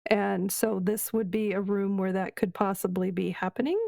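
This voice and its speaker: A woman's voice: medium pitch, little pitch movement, normal speed, creaky, mellow, dry recording. A woman playing a tabletop game for the first time, curious and full of questions. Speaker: new player.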